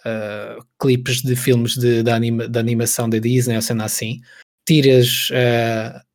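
A man's voice: mid-range voice, level tone, measured pace, darkish tone. A young man with a European Portuguese accent co-hosting a podcast, chatting in slangy, advice-giving banter. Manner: chatty, advising, slangy with bué and puto. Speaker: podcast co-host. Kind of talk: casual podcast chat.

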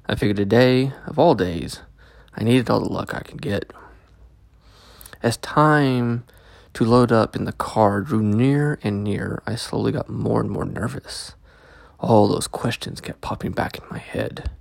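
A man narrating a scripted first-person story as a host, with a gravelly, creaky voice, close to the microphone. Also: on the low side, measured pace, dry recording. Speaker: host and story reader of a podcast.

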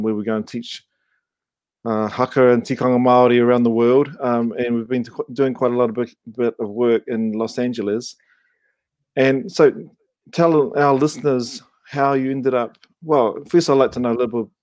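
A man hosting an interview in a calm, measured way. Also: mid-range voice, no echo. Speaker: host. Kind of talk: interview, podcast host.

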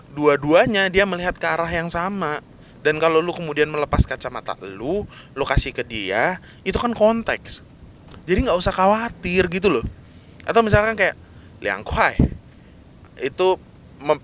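A man with a Jakarta accent talks in a loose, casual rant, dropping English words and fillers as he goes. His voice sits a little high for a man. The recording is muffled and lo-fi, with a faint vehicle rumble underneath. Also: a bit bright. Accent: Jakarta Indonesian. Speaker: vlogger. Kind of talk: casual ranting monologue.

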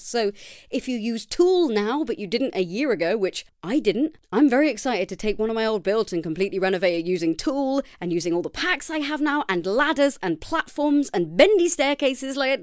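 The clean, echo-free studio recording captures a medium-pitched woman hosting a casual solo podcast at night, where she reads listener challenges. She is chatty and self-deprecating and comes across as a bit tired.

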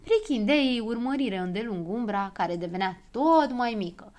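A woman narrating a children's storybook in an expressive, lively way. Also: on the high side.

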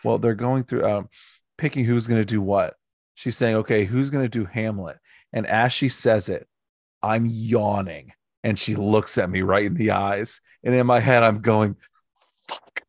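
A man co-hosting a podcast in casual chat, telling stories in an animated, joking way. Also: fairly low pitch, normal speed, dry recording, clean studio sound. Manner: animated, jokey storyteller. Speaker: podcast co-host.

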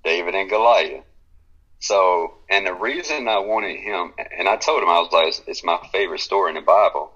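A man talking in a casual podcast conversation, earnest and encouraging, with a deep husky voice. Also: normal speed, a bit bright, muffled recording. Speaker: podcast guest.

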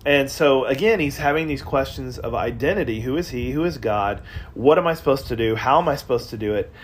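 A man hosting a podcast Bible study, teaching in a relaxed conversational way and retelling scripture in everyday words. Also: mid-range voice, fairly quick, a little hiss or hum.

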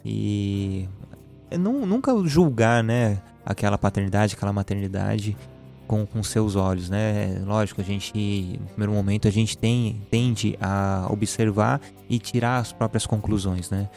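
A man's voice: on the low side, a little slow, gravelly, darkish tone, soft background music. A Brazilian man hosting a podcast, agreeable and reflective, often ending points with a question tag. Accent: Brazilian Portuguese. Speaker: podcast host. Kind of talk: casual chat.

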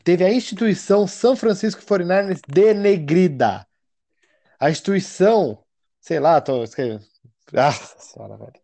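A man's voice: high-pitched, expressive, moderate pace, creaky, dark tone. A man with a Brazilian Portuguese accent in casual sports chat, talking in a slangy, conversational way. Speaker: American football fan co-commentator.

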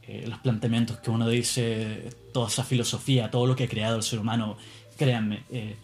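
A man's voice: mid-range voice, a little mellow. A man in a casual monologue, rambling and musing with plenty of swearing.

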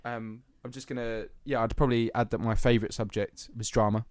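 A man's voice: mid-range voice, level tone, a little fast, a little mellow, no room sound. A young man from England, chatting casually on a podcast, laughing easily and using plenty of fillers. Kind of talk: casual chat.

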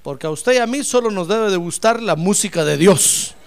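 High, animated fervent male preacher. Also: normal speed, gravelly, clear, resonant tone. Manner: fervent, addresses listeners as brother, acts out quoted voices. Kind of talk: sermon.

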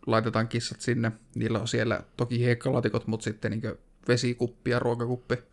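A man in casual conversation, speaking in a quiet, low-key way. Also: monotone. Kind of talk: casual chat.

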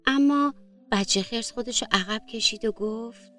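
Gentle woman reading a children's storybook. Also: fairly high pitch, soft background music. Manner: warm, gentle, slow storytelling.

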